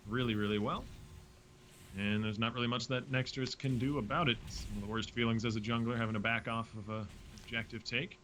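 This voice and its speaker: Male esports caster, mid-pitched, lively play-by-play with dry humor, faint hiss behind. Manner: quick, lively play-by-play with wry jokes. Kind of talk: play-by-play commentary.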